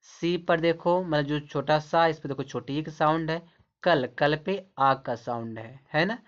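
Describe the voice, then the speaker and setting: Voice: mid-range voice, highs cut off. Teacher explaining with rhetorical questions. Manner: repetitive, asks rhetorical questions and answers them. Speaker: English teacher. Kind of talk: classroom-style explanation to camera.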